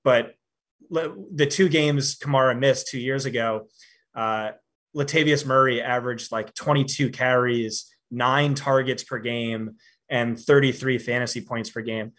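Podcast guest analyst, male, conversational, stumbles into sentences then states views flatly. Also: medium pitch, unhurried. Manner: frequent fillers and repeated starts, confident opinions. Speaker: fantasy football analyst guest. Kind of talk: casual podcast discussion.

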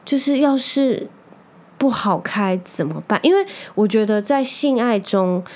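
A woman hosting a podcast alone, chatting casually and telling stories with lively quoted outbursts. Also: a little high, unhurried. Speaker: podcast host. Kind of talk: casual solo chat.

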